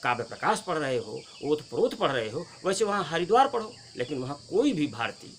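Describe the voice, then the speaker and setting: A man's voice: a little high, big pitch swings, a little fast, a little hiss or hum. A man giving a spoken spelling lesson outdoors, explaining step by step and addressing viewers as friends. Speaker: Hindi teacher. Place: outdoors in nature.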